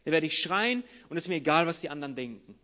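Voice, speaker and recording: A man's voice: on the high side, animated, quick pace, bright, forceful tone. A man voicing a desperate blind beggar man, pleading urgently for healing within a sermon. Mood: determined.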